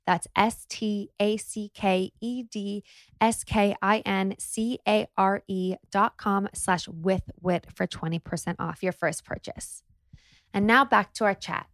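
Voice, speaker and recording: A woman's voice: mid-range voice, steady tone, slow pace, no room sound, clean studio sound. A woman in her thirties hosting a podcast, reading ads and interviewing a guest in a bubbly, gushing way. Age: 30s. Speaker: podcast host.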